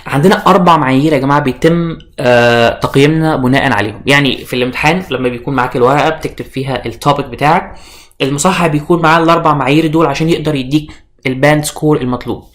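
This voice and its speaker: This young man's voice is a little high and somewhat bright, carrying an Egyptian Arabic accent. Introducing an online IELTS course he teaches, he mixes English terminology into Arabic and keeps restarting amid frequent fillers.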